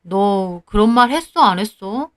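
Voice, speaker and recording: This is a divorced friend who calls to scold, convinced she is in the right, as a woman puts her on. She speaks slowly and reproachfully, a little lower than the teller's own voice. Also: animated, close to an everyday voice.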